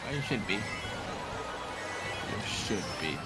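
A man's voice: on the low side, big pitch swings, slow pace. Teasing man, playful banter. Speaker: guest co-player. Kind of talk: casual chat while gaming. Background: background game music.

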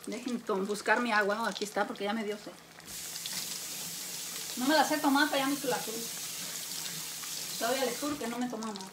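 Mexican woman, high voice, chatty cooking host, laughs a lot, close phone mic, faint sizzling behind. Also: steady tone, fairly quick, long pauses, background noise. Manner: laughs often, chatty, tells jokes to viewers. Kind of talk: casual chat while cooking. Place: home kitchen, indoors. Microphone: phone held close. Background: faint frying and sizzling.

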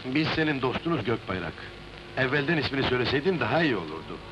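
An actor playing an earnest, loyal comrade of a rebel in an old Turkish historical film. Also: male voice, medium pitch, big pitch swings, fast, a bit bright. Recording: dull old film sound with music.

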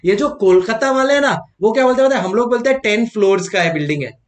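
A man lectures an accountancy exam class. His voice sits high for a man, and he keeps it playful and chatty, slipping into stories and throwing questions at his students. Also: quick pace. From Mumbai, India. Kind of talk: classroom lecture with personal storytelling.

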